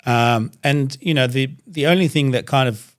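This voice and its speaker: A young man from Iraq whose first language is Arabic, speaking as a guest in a studio interview. His voice sits in an ordinary middle register, and he talks in a steady, thoughtful way, pausing often as he recalls things. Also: medium pitch. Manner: thoughtful, measured, pauses to gather words. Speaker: guest, doctor and reciter. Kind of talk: conversational interview.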